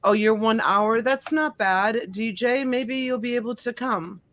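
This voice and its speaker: Hosting a live-stream auction, a middle-aged woman whose native tongue is Italian chats casually, calling out viewers by name and using plenty of fillers. Her voice is fairly high, unhurried, and a bit bright, through a USB desk mic.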